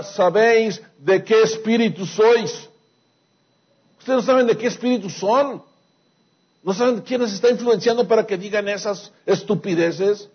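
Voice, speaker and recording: A man's voice: high voice, slightly rough, dull audio. A man preaching a sermon, asking rhetorical questions and repeating phrases for emphasis. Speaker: pastor.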